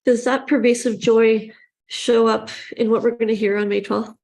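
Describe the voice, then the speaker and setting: Upbeat woman interviewer with a gravelly edge. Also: a little high, little pitch movement, normal speed, darkish tone. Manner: upbeat, enthusiastic. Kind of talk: casual interview.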